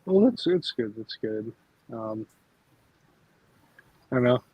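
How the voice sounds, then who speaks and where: A man's voice: mid-range voice, expressive, slow pace, slightly rough, no room sound. A laid-back man in a casual group chat who acts out other people's reactions as he talks. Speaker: hangout participant. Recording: dull, dry call audio.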